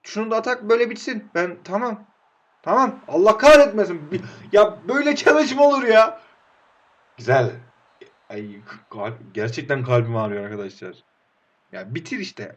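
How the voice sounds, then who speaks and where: A man in his twenties commentating his own football game play, swinging from hushed groans to excited outbursts. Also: sits high, fairly quick, highs cut off. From Turkey. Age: 20s. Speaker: mobile football game streamer. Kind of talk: live gameplay commentary.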